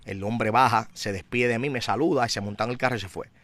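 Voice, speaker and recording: A man giving a personal testimony in an interview, a vivid, dramatic storyteller who grows louder and more intense. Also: mid-range voice, quick pace, no echo.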